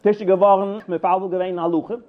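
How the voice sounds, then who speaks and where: A man telling rambling personal anecdotes, halting and repeating himself as he goes. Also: high-pitched. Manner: halting, repeats and restarts words, animated. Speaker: storyteller. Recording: tinny phone-like line.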